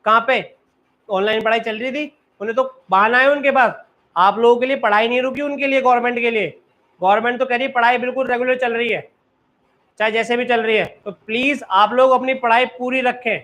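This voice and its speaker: Man maths teacher, very high voice, bright tone, live online class, keeps checking students follow. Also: steady tone, a little fast.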